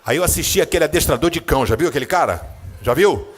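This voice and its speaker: A man preaching in a church with a Brazilian Portuguese accent, telling a personal story, acting out the scenes and swinging from a low murmur to high, excited bursts. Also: quick pace, slightly rough. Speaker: pastor.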